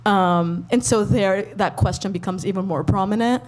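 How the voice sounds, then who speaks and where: A woman's voice: mid-range voice, moderate pace, darkish tone. A young woman in casual conversation, speaking hesitantly with many "like"s and "um"s. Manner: hesitant, lots of "like" and "um". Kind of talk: casual chat.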